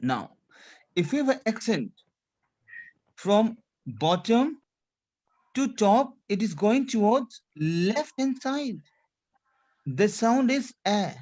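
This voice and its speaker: A French teacher leading an online class in English peppered with French phrases, often repeating words and asking whether everything is clear. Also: mid-range voice, sing-song, slow pace, long pauses, a little mellow. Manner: repeats phrases, checks understanding with "C'est clair? D'accord?"; mixes English with French phrases and a little Hindi.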